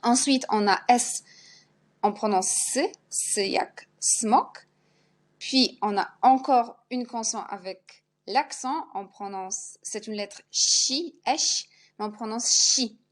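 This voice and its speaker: A woman's voice: a little high, slow pace. A woman teaching Polish pronunciation in French, sounding out each letter and example word and repeating it. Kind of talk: spelled-out pronunciation lesson.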